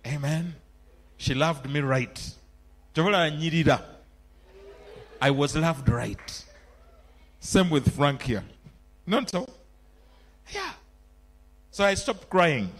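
A middle-aged Ugandan pastor preaches in a high-pitched voice. He moves from loud, rising exhortations to soft, reflective asides. Along the way he calls for amens from the listeners and slips into phrases of a local language. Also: lively intonation, slow, long pauses. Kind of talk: sermon.

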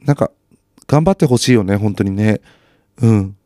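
A man's voice: fairly low pitch, animated, moderate pace, mellow, no room sound, clean studio sound. A man chatting casually on his own while watching TV, with chatty asides and self-deprecating remarks. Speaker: solo podcaster.

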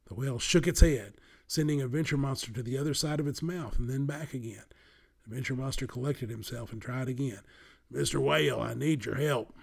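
A man reading a children's story aloud in a calm, even narration. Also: medium pitch, brisk.

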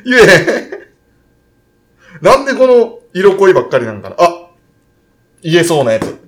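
A man's voice: high voice, big pitch swings, a little fast. A man with a Kansai accent, co-hosting a casual podcast in an easygoing, bashful way. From Kansai, Japan. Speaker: podcast co-host, bartender. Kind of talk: casual chat.

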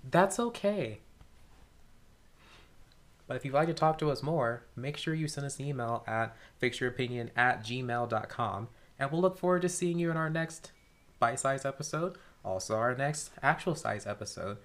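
A woman's voice: extremely low pitch, animated, normal speed. A woman hosting a podcast in casual chat, chatty and upbeat, laughing easily. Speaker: podcast host.

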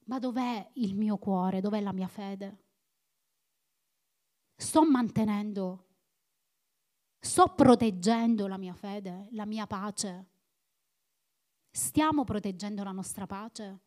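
A woman's voice: mid-range voice, slow, pauses often, a little mellow. A woman preaching a sermon in an earnest, exhorting manner, repeating phrases for emphasis.

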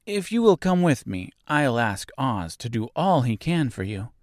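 Man playing Dorothy, a gentle little girl, pitched up. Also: very animated, measured pace, no echo, clean studio sound. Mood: reassuring. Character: polite, sympathetic little girl, sweet and curious.

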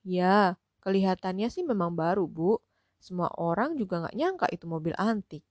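A woman's voice: fairly low pitch, animated, normal speed, a little mellow, dry recording, natural voice. A woman voicing a polite, careful visitor who speaks hesitantly to an older lady. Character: polite nervous young narrator character.

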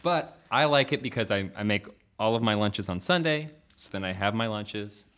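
A man's voice: fairly low pitch, animated, normal speed, fairly bright tone, smooth. A man hosting a casual podcast chat, rambling and laughing often. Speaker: podcast host.

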